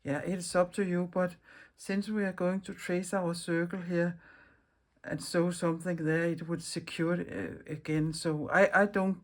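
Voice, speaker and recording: A Danish woman, hoarse from losing her voice, chatting through a hands-on stitching tutorial, thinking aloud and correcting herself mid-sentence. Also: lowish voice, flat delivery, measured pace. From Denmark. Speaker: embroidery teacher.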